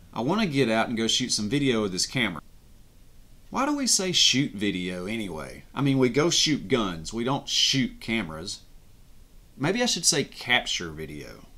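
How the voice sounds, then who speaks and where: A man's voice: medium pitch, fairly bright tone. A man in his forties vlogging from his home office, chatty and easygoing, with playful asides to his viewers. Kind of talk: casual vlog talk to camera. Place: indoor home office with desk and monitors.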